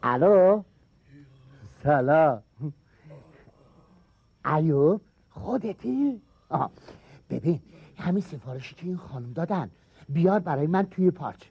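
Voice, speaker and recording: A grumpy café waiter in a comedy sketch, his voice gravelly and husky with a lively, swinging pitch. The sound is close and dry. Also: long pauses, dry recording, exaggerated voice. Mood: irritated. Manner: grumbling, irritable.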